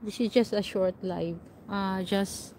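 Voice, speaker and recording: The recording is rough, with slight background noise, from a camera or phone mic a short way off. On it, a Filipino woman with a Filipino accent hosts a casual livestream, answering comments and laughing often. Her medium-pitched, darkish voice stays steady at a measured pace.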